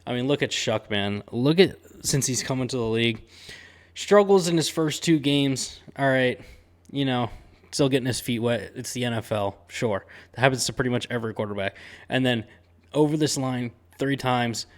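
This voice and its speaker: A man's voice: medium pitch, moderate pace. Chatty man talking sports picks. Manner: chatty and upbeat, with frequent "um" and "uh" fillers; slangy, excited sports talk. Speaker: sports betting picks host. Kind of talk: casual betting-picks talk to camera.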